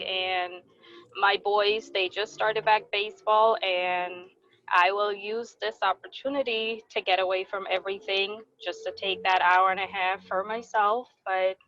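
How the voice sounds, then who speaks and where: A woman's voice: mid-range voice, fairly bright tone. A woman speaking by phone from her car while she drives, chatting openly and gratefully with a few small laughs and restarts. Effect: speaking over a phone from a moving car. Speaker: webinar participant. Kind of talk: casual chat. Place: in a car, driving. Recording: muffled dry phone line from a car.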